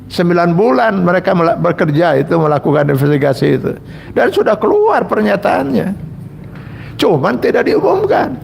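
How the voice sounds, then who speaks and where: A man speaks as a cleric at a religious lecture, his voice gravelly and pitched a little high. He tells personal stories in an earnest way and keeps turning to his listeners. A faint hiss sits under the recording. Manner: earnest storytelling that addresses the audience directly. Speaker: Islamic cleric.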